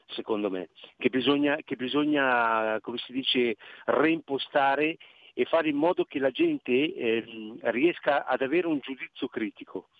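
A male caller from Milan speaks over a thin, phone-like line with a completely dry sound. He talks casually and hesitantly, restarting and doubling words as he gathers his thoughts. His pitch sits in a middling range. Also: big pitch swings, unhurried, gravelly, no echo. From Milan, Italy. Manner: hesitant, repeats words while searching for them. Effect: heard over the phone. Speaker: radio call-in listener. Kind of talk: casual call-in chat.

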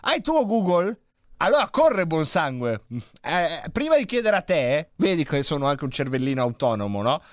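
A man runs a radio show and rambles through a playful, jokey monologue into a studio microphone. His voice sits a little high for a man and sounds smooth and resonant. The sound is close and dry. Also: sing-song, normal speed, dry recording. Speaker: radio host.

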